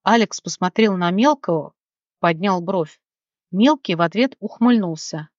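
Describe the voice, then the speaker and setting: A woman giving an expressive scripted audiobook narration. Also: fairly low pitch, measured pace, no echo. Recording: dull, dry recording.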